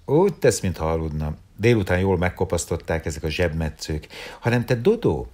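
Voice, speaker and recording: A man reading aloud and voicing a playful, flirtatious circus woman in a storybook, husky and lively. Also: low-pitched. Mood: teasing. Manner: teasing, chatty.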